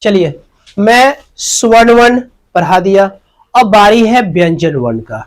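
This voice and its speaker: A teacher delivers an exam-focused grammar lesson in front of a teaching board. The voice sits at a middling pitch. It works in a steady call-and-response rhythm, asking questions and answering them in turn. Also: measured pace, rough recording. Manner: asks questions and answers them, repeats key terms.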